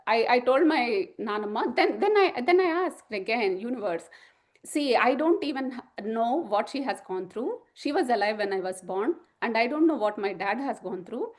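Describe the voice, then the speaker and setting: A middle-aged woman, sharing an emotional personal testimony in a halting way, full of fillers and restarts. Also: on the high side, expressive. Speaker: spiritual group member sharing testimony.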